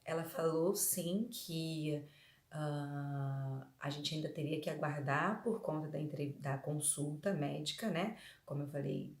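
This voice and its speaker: A woman from Brazil telling a story to her viewers in a relaxed vlog, her voice sitting low for a woman. She talks chattily and keeps rephrasing herself. The room around her is echoey. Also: takes it slowly. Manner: chatty, many fillers and rephrasings. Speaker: vlogger.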